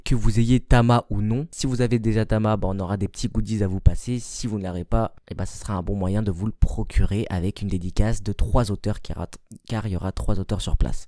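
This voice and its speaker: A man with a low, mellow voice giving viewers a friendly, deliberate announcement. He slows down to spell out details, and the sound is close and dry. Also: no echo. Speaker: comic book author announcing an event.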